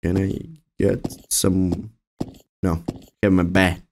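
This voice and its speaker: A young man doing casual game streamer commentary and read-alouds, halting, with muttered asides. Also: low voice, flat delivery, background noise. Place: indoor room at home. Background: game music.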